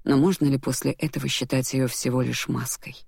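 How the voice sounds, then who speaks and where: A woman voicing a calm, weary male nobleman who speaks in a quiet, measured way. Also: extremely low pitch, vocal fry, husky, dry recording, clean studio sound, heavily acted. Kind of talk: audiobook character voice.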